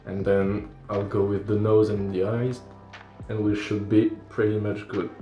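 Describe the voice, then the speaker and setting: A young man with a French accent and a fairly low voice chats loosely through a livestream as he works, rambling, restarting his sentences and poking fun at himself. The room is echoey and faint music plays in the background. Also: measured pace, dull audio. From France. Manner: relaxed, rambling, self-deprecating, many fillers and restarts. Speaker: cosplayer and makeup livestreamer. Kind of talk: casual livestream chat while doing makeup. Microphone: phone or tablet livestream.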